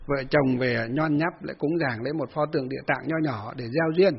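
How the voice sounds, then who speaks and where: A man's voice: medium pitch, brisk, slightly rough, muffled recording. A man giving a folksy Buddhist sermon, telling a story with many fillers and acted-out quotes. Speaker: Buddhist monk giving a dharma talk.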